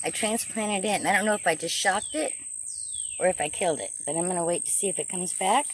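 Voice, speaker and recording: Talking fast in a voice on the low side, she narrates her garden vlog outdoors. She's chatty, thinking aloud as she works, and there's slight background noise.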